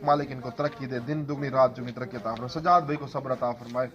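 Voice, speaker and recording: A man's voice: medium pitch, fairly even intonation, a crowd in the background. Male preacher, impassioned sermon and chanted prayer; dull lo-fi recording. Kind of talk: sermon with devotional storytelling and prayer. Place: religious gathering in a home.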